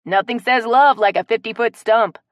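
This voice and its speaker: A woman voicing a sarcastic deadpan man. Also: on the high side, normal speed, dry recording, dull audio, voice pushed up, lightly acted.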